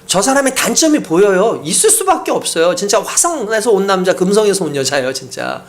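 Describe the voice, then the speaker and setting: Guy pastor telling a story in his sermon, chatty, lots of fillers and laughing, high voice. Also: very animated, a little fast. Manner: storytelling with acted quotes and laughter; conversational, many fillers.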